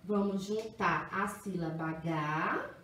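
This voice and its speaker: A woman's voice: fairly low pitch, takes it slowly, a bit bright. A woman teaching young children letters in an exaggerated, singsong, encouraging way. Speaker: kindergarten teacher. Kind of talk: children's phonics lesson. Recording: echoey room, mic at a distance.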